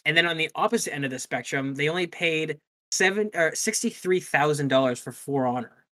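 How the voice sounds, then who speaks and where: This is a man co-hosting a gaming podcast in relaxed, conversational talk. His voice is bright and forward. He swears casually and keeps breaking off mid-thought to start again. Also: a little high, fairly quick. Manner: loose, swears casually, trails off and restarts. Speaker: podcast co-host. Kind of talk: casual gaming news chat.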